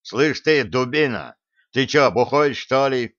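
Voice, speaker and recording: A man voicing a rough, hot-tempered male gang leader in an audiobook, with coarse, slangy threats. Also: mid-range voice, unhurried, a bit bright, dry recording, lo-fi sound, lightly acted. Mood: menacing. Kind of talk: audiobook character voice.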